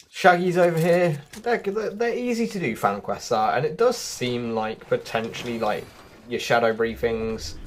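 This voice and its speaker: A video game news YouTuber speaks in a medium-pitched male voice, with slight background noise and background music. He gives casual, chatty gaming commentary, talking straight to his viewers as the video's host.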